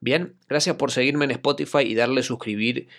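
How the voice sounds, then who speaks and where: A man's voice: mid-range voice, steady tone, moderate pace, fairly bright tone. A man with an Argentine Spanish accent hosting a solo podcast, telling a reflective personal anecdote in a conversational way. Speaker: podcast host and acting coach.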